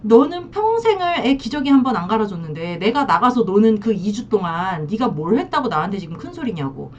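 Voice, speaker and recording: A woman's voice: medium pitch, very animated, fairly quick, slight background noise, natural voice. A woman voicing a defiant, scornful wife who threatens divorce, heard slightly distant and dull. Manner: scornful, combative.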